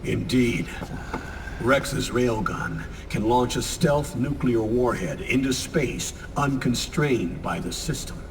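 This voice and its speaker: A man's voice: mid-range voice, slow, vocal fry, big-room sound, far from the mic, background noise. A man playing an older military commander who gives a grave, commanding mission briefing in a video game. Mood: grave, explanatory.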